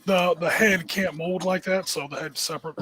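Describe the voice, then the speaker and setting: High-voiced deadpan man, noisy line. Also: normal speed. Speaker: podcast co-host. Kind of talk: casual hobby chat.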